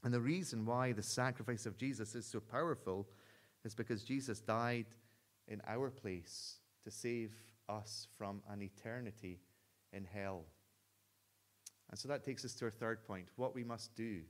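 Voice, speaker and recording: A man preaching a sermon, telling a story earnestly and dropping to a hush at the solemn points. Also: fairly low pitch, a little slow. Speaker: pastor.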